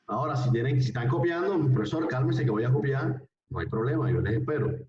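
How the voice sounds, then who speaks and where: A man's voice: medium pitch, lively intonation, fast talker, darkish tone. A male language teacher giving a live online class, speaking patiently, repeating phrases and often checking that students follow. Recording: roomy, distant, dull online-call recording.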